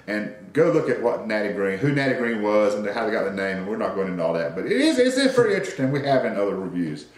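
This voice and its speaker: A man's voice: fairly low pitch, sing-song, quick pace, reverberant. A man co-hosting a casual beer review chat, reading notes with fillers and restarts. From North Carolina. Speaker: beer review podcast co-host.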